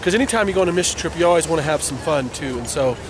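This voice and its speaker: A man in his thirties, a youth pastor, chatting upbeat to a close camera outdoors at a ski slope, rambling with many pauses. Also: on the high side, lively intonation. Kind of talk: casual vlog to camera. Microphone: handheld camera close up. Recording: outdoor wind noise.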